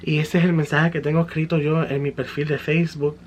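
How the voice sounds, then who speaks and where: A man's voice: on the high side, level tone, a little fast, slight background noise. A man giving a personal religious testimony in an earnest, fervent way, slipping English words into his story.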